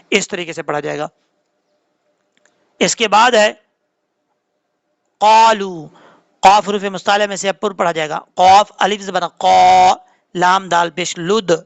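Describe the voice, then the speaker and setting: High, gravelly-voiced man teaching Quran recitation. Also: fairly bright tone, no room sound. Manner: patient, drawn-out chanted recitation between quick explanations. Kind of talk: tajweed lesson, spelling out letters and reciting slowly.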